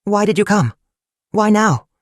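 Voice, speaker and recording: A storyteller voicing a frightened young bride in a folktale who speaks in short, soft phrases. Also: mid-range voice, animated, measured pace, no echo, clean studio sound, pitched above the performer's own voice, natural voice. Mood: earnest.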